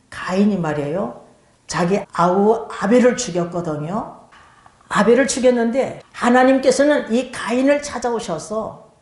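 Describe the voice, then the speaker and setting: A woman's voice: mid-range voice, a little mellow. An older woman pastor giving a testimony sermon, telling her story with animation and acting out prayers and pleas in other voices. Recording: echoey room.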